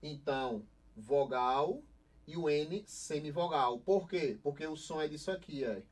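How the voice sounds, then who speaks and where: Brazilian man, young, slightly high voice, lively teacher, quizzes the class, recorded lesson. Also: unhurried. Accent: Brazilian Portuguese. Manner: lively, asks the class questions and answers them himself. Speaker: Portuguese teacher. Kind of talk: recorded online class lecture.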